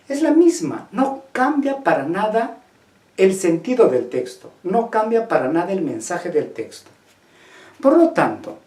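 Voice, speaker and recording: A teacher explains a language lesson in a mellow, warm voice that swings up and down with emphasis. The teacher checks understanding with questions to the class and restates each point. The recording carries a noticeable roomy echo. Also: medium pitch. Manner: asks the class questions and repeats key points.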